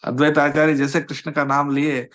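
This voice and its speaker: A man giving a scripture class in an unhurried, conversational way, often checking in with his listeners. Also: a little high, little pitch movement, fairly bright tone. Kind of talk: Hindi-English mixed scripture lecture.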